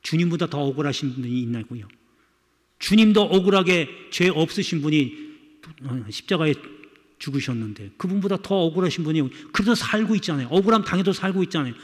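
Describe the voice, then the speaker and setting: A man's voice: on the high side, expressive, fairly quick, long reverb tail. A male pastor preaching a sermon in a church, speaking emphatically and repeatedly addressing the congregation. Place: church sanctuary.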